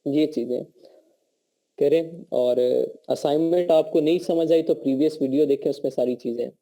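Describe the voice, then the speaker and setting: Speaking at normal speed in a warm, somewhat high voice, a man with a Pakistani accent and a sore throat leads a live online course over a call. His teaching style is conversational, with frequent check-ins to make sure his students are following.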